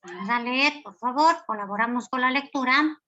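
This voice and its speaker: Woman teacher, high bright voice, calling on pupils to read, muffled lo-fi sound. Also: normal speed. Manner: gives polite instructions, praises students. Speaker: literature teacher. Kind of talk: classroom teaching.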